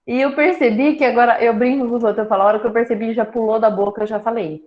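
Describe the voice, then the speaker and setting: A woman telling her own cancer story in a casual talk, lively and joking as she acts out what people said. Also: fairly high pitch, rapid-fire. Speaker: breast cancer patient sharing her story. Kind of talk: casual conversation. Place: small town in Brazil. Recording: dull lo-fi sound.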